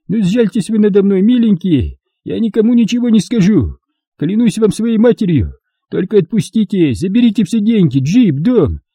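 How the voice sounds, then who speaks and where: A terrified middle-aged dealer, voiced by a man reading an audiobook, begs for his life in a high, strained voice. His pleading runs babbling and near tears, husky and dark in tone. The reading is close and dry. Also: no room sound, full character voice.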